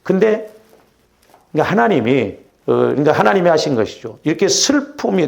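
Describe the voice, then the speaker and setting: A man's voice: medium pitch, creaky, darkish tone, lo-fi sound. A middle-aged male pastor from the Jeolla region preaching at a Wednesday prayer service in a church, chatty and often asking the congregation "right?". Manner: conversational, keeps asking the congregation "응?". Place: church sanctuary.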